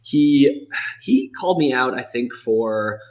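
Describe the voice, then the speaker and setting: A man's voice: mid-range voice, expressive, takes it slowly, a little mellow. Rambling casual man hosting a podcast. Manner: rambling, heavy on fillers like "like" and "you know". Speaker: podcast host.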